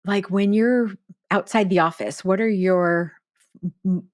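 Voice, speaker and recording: A woman's voice: medium pitch, unhurried, no room sound, clean studio sound. A woman interviewing a colleague in an enthusiastic, complimentary way. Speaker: interviewer, clinic staff. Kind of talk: casual interview.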